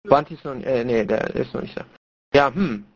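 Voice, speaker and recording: A man's voice: mid-range voice, brisk. A young man casually telling a crude story to other gamers over voice chat, rambling with many fillers and restarts. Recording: muffled lo-fi voice chat.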